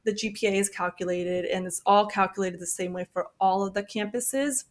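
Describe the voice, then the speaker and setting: A woman admissions officer talking through a podcast interview at a middle pitch. She explains patiently, fills pauses with "um" and checks in with "right?". Her phrase endings often fade to almost nothing. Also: steady tone. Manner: explains with frequent ums and rights.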